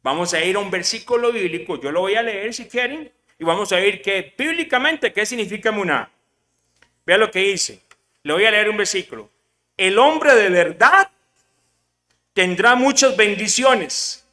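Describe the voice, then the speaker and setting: A man preaching a sermon as pastor, in a lively style that keeps asking the congregation questions and slips in English words. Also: high voice, brisk, big-room sound.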